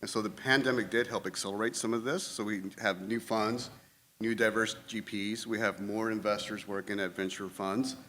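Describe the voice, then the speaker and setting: A man from Houston speaking as an investor on a panel, energetic and conversational. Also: on the low side, normal speed. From Houston, Texas. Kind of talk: panel discussion. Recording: long reverb of event hall.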